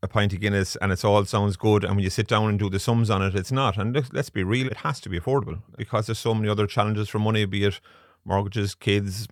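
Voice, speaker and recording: A man's voice: on the low side, steady tone, fast talker, no echo, studio quality. A man from Galway with a west of Ireland accent, chatting casually as a podcast guest who manages a racing syndicate. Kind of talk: casual interview chat.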